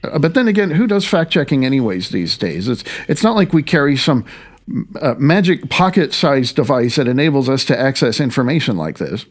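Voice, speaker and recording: A man with a medium-pitched, very animated voice reads his own first-person audiobook as its author. His reading is halting, wry and self-deprecating, and he stumbles over words now and then.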